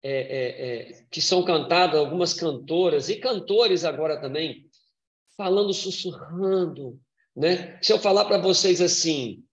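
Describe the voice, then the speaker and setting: A man with a somewhat high voice gives a church lecture, reading scripture aloud and then explaining it. He speaks in a measured way with hesitant fillers. The sound is roomy and a little dull.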